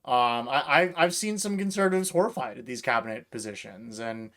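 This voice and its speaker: A man's voice: medium pitch, lively intonation, fairly quick, a bit bright. A man co-hosting a podcast, arguing politics in a wry, casual way with dry asides. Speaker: podcast co-host.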